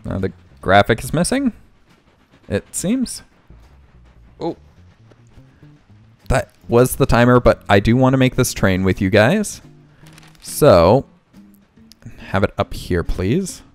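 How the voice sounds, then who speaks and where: Slow, easygoing man narrating gameplay. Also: medium pitch. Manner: thinks aloud, self-correcting, relaxed. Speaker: let's play host. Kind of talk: casual gameplay commentary. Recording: game music playing faintly underneath.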